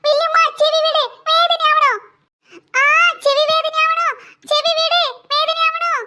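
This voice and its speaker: Performer doing whiny stubborn cartoon boy, Malabar accent, very high and bright. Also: a little fast, heavily acted. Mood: wailing. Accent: Malabar Malayalam. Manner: whiny, pleading, wails when hurt. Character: stubborn little boy demanding a cap.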